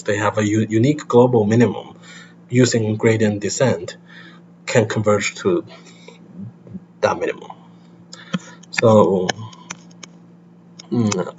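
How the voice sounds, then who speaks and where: Lecturer man explaining step by step. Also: medium pitch. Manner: explains step by step with frequent restarts and fillers. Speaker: university lecturer. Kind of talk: recorded lecture. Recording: slightly dull recording with faint hum.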